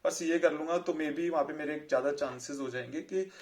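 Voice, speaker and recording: Guy with a higher-pitched voice, chatting casually to viewers, lots of filler words. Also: a little fast. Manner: chatty, repeats fillers like "theek hai". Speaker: chartered accountant giving career advice. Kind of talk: casual advice talk to camera.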